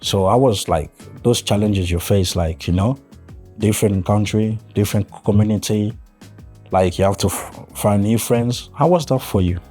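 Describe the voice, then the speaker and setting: A man hosting a podcast, chatting with his guest in an eager, friendly and relaxed way with casual slang. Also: on the low side, moderate pace, faint music behind. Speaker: podcast host. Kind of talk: casual interview chat.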